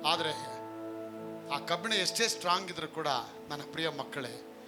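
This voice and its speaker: A man's voice: on the high side, moderate pace, over music. A male pastor preaching a live sermon, emphatic, often asking the congregation questions.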